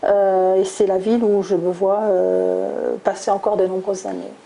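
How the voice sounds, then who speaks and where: A middle-aged woman, a guest answering interview questions thoughtfully, pausing often with hesitations. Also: mid-range voice, animated, vocal fry, mellow, a little hiss or hum, low-quality recording. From France, southwest (Toulouse). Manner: thoughtful, many hesitations with "euh". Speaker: guest, recruiter.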